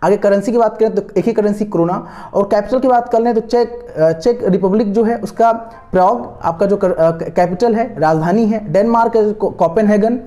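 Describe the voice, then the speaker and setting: A male tutor talks students through memory tricks for an exam-prep lesson, circling back to repeat each key word. His voice is soft and mellow, with no edge to it. He fills gaps with hesitant fillers and keeps gently coaxing students to follow along. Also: sits high, moderate pace. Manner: coaxing and encouraging toward students. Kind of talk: online lesson explaining memory tricks from slides.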